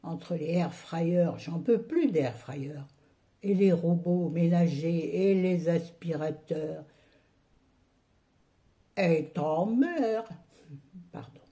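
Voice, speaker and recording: A woman talks straight to her viewers in a casual home vlog, grumbling about everything that annoys her. Her voice sits low and very dark, with a gravelly fry running through it. She rambles in a loose, colloquial, exasperated way. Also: takes it slowly. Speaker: vlogger.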